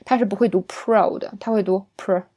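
A woman's voice: medium pitch, steady tone, moderate pace, warm tone, husky. Patient woman teaching English pronunciation. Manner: patient, explains pronunciation syllable by syllable; often checks in with a tag question. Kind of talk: spoken language lesson.

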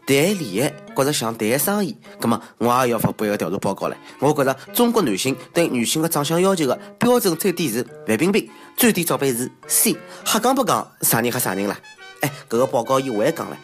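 A man with a Shanghainese accent hosting a comic monologue in a self-mocking, exclamatory way with theatrical asides. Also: mid-range voice. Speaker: comedy show host. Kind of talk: comedic monologue on odd news.

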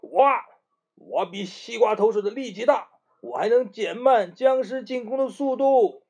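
A man voicing a small, eager ice melon plant in a children's story, higher and excited. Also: unhurried, full character voice. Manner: higher, excited, whiny when hurt. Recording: muffled lo-fi recording.

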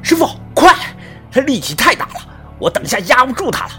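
Lady playing a young apprentice guy yelling in a hurry, loud and high. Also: big pitch swings, brisk. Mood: urgent. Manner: urgent, shouting. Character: young man Yang, urgent strong apprentice. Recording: faint music behind.

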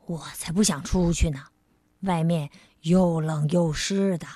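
Casting note: sulky old man in a storybook, a woman doing him, lowered, gruff voice, dry close sound. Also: measured pace, dark tone, no room sound. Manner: gruff, sulky, short replies. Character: grumpy, gloomy old man. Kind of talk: children's storybook reading.

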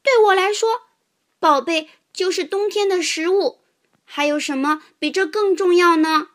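A woman doing a shrill, possessive little squirrel. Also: measured pace. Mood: indignant. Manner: high, loud and shrill.

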